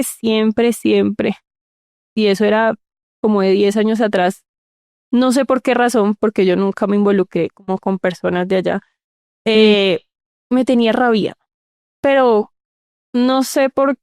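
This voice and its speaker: A woman's voice: fairly high pitch, darkish tone, clean tone, no room sound, clean studio sound. A woman, telling her own story in an interview, earnest and repeating words for emphasis. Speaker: interview guest. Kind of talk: personal storytelling in conversation.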